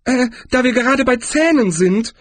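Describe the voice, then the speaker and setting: A man's voice: very high-pitched, lively intonation, normal speed, no echo, pitched above the performer's own voice. A man voicing a cheerful, naive male tourist with an eager, chirpy way of talking in an audiobook. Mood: timid.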